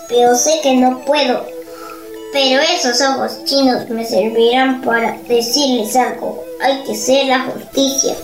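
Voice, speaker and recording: A woman hosting a kids show in a playful, theatrical, sing-song way. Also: sits high. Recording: echoey room, music behind.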